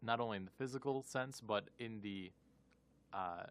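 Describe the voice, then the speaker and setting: A man's voice: fairly low pitch, moderate pace. Curious, joking man on radio. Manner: curious, jokey questions. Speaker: co-host asking questions. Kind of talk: casual radio chat.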